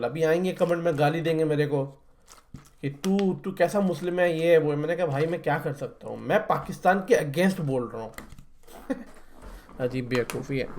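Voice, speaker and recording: A man's voice: fairly high pitch, a little mellow. A young man hosting a reaction video, talking in a chatty, rambling and blunt way. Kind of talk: casual reaction commentary.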